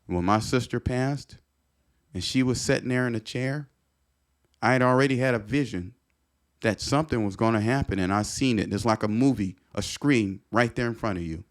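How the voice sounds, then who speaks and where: A man's voice: medium pitch, moderate pace. A middle-aged man telling a personal story as a podcast guest, earnest and repetitive, often restarting his sentences.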